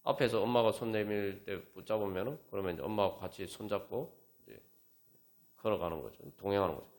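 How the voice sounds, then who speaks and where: A man's voice: on the low side, fast talker, darkish tone. A man preaching as pastor at a Friday prayer meeting, talking conversationally and prodding his listeners with rhetorical questions. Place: church sanctuary. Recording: echoey church room with faint instrument music.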